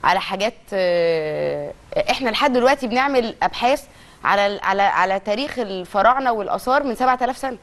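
A woman's voice: mid-range voice, expressive. A young Egyptian woman hosting a morning TV show, chatting playfully and teasing her co-host and callers. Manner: playful, teasing, quick talking. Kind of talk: casual studio chat with callers. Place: bright TV studio set. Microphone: lapel mic.

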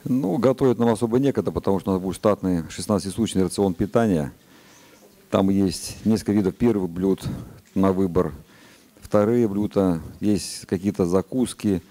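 A man, a spacecraft commander, answering press conference questions in a calm, measured, matter-of-fact way. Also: deep voice.

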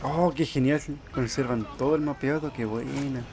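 A man casually commenting on his own video game playthrough, excitable and quick to yell in panic when things go wrong. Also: mid-range voice, noisy background. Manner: excitable, yells in panic during fights, talks to the character. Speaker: gameplay commentator. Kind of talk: casual let's-play commentary.

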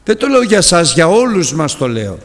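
A man's voice: on the high side, sing-song, in a large hall. A man preaching a sermon in a church, exhorting his listeners with impassioned, repeated appeals.

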